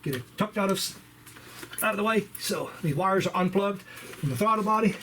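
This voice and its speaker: Mechanic, man, higher-than-usual voice, easygoing rambling shop talk, faint shop noise. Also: a little fast. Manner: relaxed, rambling, many fillers and restarts. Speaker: auto mechanic. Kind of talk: casual how-to repair walkthrough. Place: auto repair shop. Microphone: camera on a tripod.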